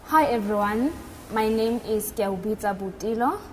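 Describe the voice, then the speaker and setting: An interview guest in her twenties, an aircraft maintenance engineer from South Africa's Northern Cape, explains things with a South African accent. Her voice is a little high and darkish, and her pace is moderate. The live-event setting adds noticeable background noise.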